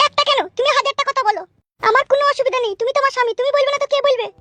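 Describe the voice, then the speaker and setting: A woman's voice: very high-pitched, very fast, sharp tone, dry recording, pitched above the performer's own voice. A woman voicing a young village wife who impatiently prods her husband. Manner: impatient, prodding.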